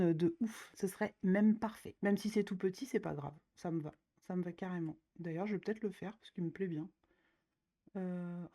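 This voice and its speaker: Chatty woman, dark mellow voice. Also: fairly low pitch. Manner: chatty, many fillers, slangy and self-mocking. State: slightly nasal from a cold. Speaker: coloring YouTuber. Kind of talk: casual chat leafing through coloring books.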